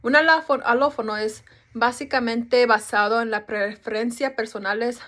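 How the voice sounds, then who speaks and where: A woman's voice: fairly high pitch, steady tone, moderate pace, fairly bright tone. A young woman explaining a topic in a class presentation, casual, with restarts and English fillers. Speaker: student presenter.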